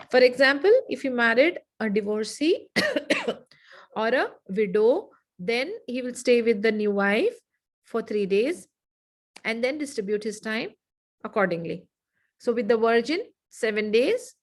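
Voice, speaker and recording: A woman leads an online lesson, speaking in a somewhat high voice. She dictates slowly and repeats phrases so her students can take notes. The sound comes through a video call. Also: poor audio. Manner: slow, repetitive dictation with frequent "okay". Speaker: Islamic studies teacher.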